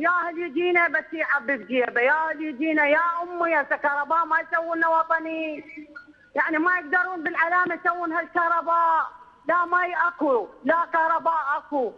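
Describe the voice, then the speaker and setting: A woman from Baghdad with a Baghdadi Iraqi accent, calling in to complain in a weary, pleading voice and calling on God again and again. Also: extremely high pitch. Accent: Baghdadi Iraqi Arabic. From Baghdad, Iraq. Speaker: caller. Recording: muffled phone line with hall reverb.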